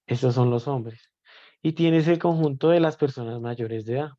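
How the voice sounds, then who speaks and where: A man's voice: medium pitch, moderate pace, mellow, dull audio. Man teaching a live online class. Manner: explanatory, checks in with students often. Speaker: math teacher.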